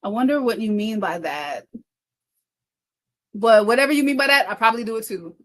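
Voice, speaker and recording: Animated and a bit bright, with a pitch on the high side, a woman livestreamer reads viewer comments aloud and chats about them. She rushes along, stumbles, and keeps repeating her phrases.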